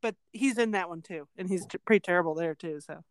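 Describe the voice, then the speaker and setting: A woman's voice: on the low side, fast, smooth. A woman chatting casually as a podcast co-host, with a blunt, wry, sweary way of talking. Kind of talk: casual chat.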